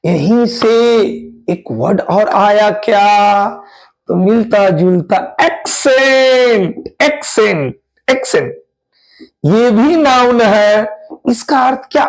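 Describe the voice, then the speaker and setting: A man's voice: high-pitched, expressive, slow pace, poor audio. A man teaching an exam-prep English grammar lesson, drawing out his explanations and asking his students repeated questions.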